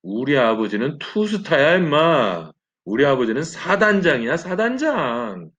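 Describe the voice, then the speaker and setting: A blunt young soldier scolds sternly, as a man puts him on, his voice raised high and husky. The pitch swings widely. The recording sounds muffled and lo-fi. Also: big pitch swings, measured pace, a bit bright, full character voice. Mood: scolding. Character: young male army recruit, blunt and scolding.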